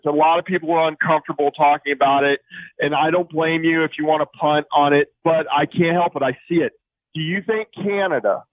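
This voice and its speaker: A man's voice: on the high side, no echo. A man calling in to a talk show over a phone line, rambling with many fillers and restarts. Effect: phone line into a call-in show. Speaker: caller. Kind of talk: call-in radio chat. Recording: tinny phone line, dry.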